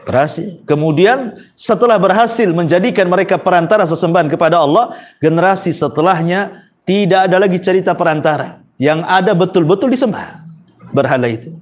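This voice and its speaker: A man giving a religious lecture, telling a story with lively rising questions and quick asides. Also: sits high. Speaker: preacher.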